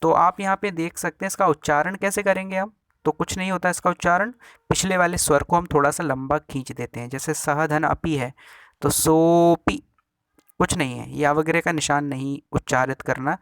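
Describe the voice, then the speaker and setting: A man teaching a grammar lesson, repeating each rule and slowly spelling out examples one by one. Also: fairly high pitch, a bit bright, no room sound, clean studio sound. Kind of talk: classroom lesson explaining rules with examples.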